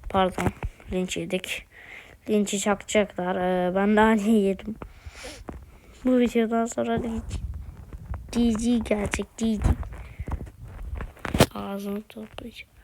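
A woman's voice: medium pitch, little pitch movement, unhurried, long pauses, a little mellow, a little hiss or hum. A woman commentating her own mobile game, exasperated, exclaiming and pleading at the screen. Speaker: gaming video host.

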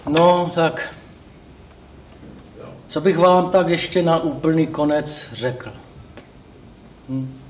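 Man playing a talking male pig, wistful, rambling, self-correcting, fairly high voice, roomy distant stage sound. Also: pauses often, over music, close to an everyday voice. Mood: rueful. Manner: rambling, self-correcting, addresses the audience directly; bursts into indignant shouts. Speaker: stage actor. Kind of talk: live stage monologue. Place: theatre stage. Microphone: distant room mic. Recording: roomy live stage recording from afar.

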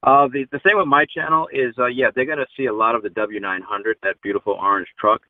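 A man's voice: medium pitch, fairly even intonation, fast, no room sound. A man in his forties, a truck driver guest, talking earnestly with many fillers over a video call. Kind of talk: casual interview talk. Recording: tinny phone line.

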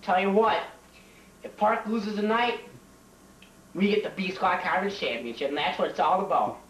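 A man's voice: sits high, normal speed, a bit bright. A young man doing a comic teacher impression of a petty, self-important, repetitive basketball coach. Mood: boastful. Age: young adult. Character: boastful, petty male high school basketball coach. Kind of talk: teacher impression, comedy skit. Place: home kitchen. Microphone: camcorder across the room. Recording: roomy, distant, hissy home camcorder.

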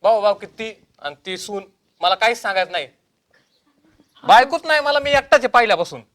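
A man plays a petulant young husband, bossing and whining in a comedy sketch. His voice is very high and bright. He talks fast. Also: lively intonation. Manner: whiny, bossy.

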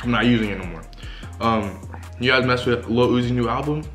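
A man's voice: medium pitch, a little fast, fairly bright tone, echoey room, faint music behind. A man in his twenties chatting casually in slang to viewers, rambling and talking while chewing food. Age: 20s. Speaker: vlogger eating on camera. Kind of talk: casual mukbang chat. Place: large living room indoors. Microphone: camera a short distance away.

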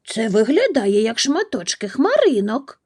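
A woman's voice: fairly high pitch, big pitch swings, a little slow, darkish tone, voice pushed up. A woman voicing a proud but bewildered little male crow, speaking earnestly.

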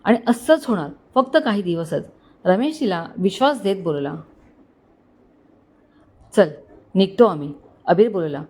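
A woman's voice: mid-range voice, lively intonation, unhurried, pauses often, a little mellow, breathy edge. A woman with a Marathi accent narrating a love story, reading every character's lines in her own voice with small shifts. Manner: reads all characters in one voice with small shifts.

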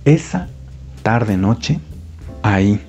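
Low-voiced male storyteller. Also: expressive, drawn-out words, mellow. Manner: confiding, playful. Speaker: storyteller reading a listener's story. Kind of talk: first-person story narration. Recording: muffled audio with music underneath.

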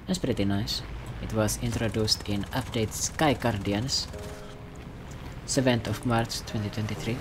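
A man's voice: fairly low pitch, steady tone, a little slow, background noise. A man giving casual, self-mocking, rambling commentary over his gameplay. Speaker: gaming commentator.

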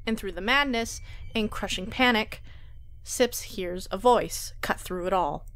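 A woman telling a tabletop game story as scripted narration, dramatic and expressive, on a close mic. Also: medium pitch, measured pace, no echo.

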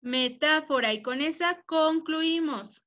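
A high, bright-toned young woman teaching children over a video call. She talks slowly and patiently, spells out words and keeps asking if everyone follows. The audio is dull and lo-fi, like a computer mic. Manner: affectionate with pupils. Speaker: primary school teacher. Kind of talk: online class instruction.

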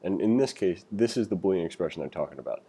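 This man's low voice is animated, mellow, and a touch rough, and he talks quickly. As a programming tutor doing voice-over for a screen recording, he reads along from a text and drops in casual, opinionated asides.

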